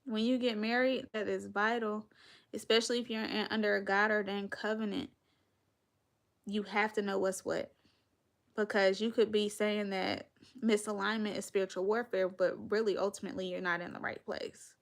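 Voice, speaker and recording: A woman's voice: mid-range voice, level tone, moderate pace. A woman in her thirties with a North Carolina Southern accent, hosting a casual podcast livestream and chatting directly with viewers, calling them y'all. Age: 30s. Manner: chatty, addresses viewers as y'all, laughs often. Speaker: podcast host.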